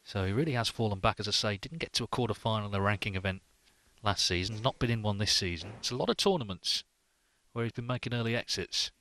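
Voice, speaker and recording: Bright, low-pitched male snooker commentator. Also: quick pace, no room sound. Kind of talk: sports commentary, analytical.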